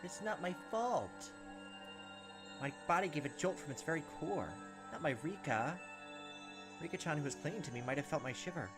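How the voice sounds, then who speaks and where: A man with a voice on the high side hosts a let's play from his desk on webcam, reading visual novel narration at a moderate pace. He sounds animated and breaks in with blunt, informal reactions, while game music and insect sounds play behind him.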